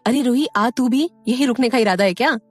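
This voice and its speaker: A woman's voice: fairly high pitch, a little fast, no echo, soft background music, pitched above the performer's own voice, lightly acted. Woman doing a young female student, nosy, chatty, probing, audio story.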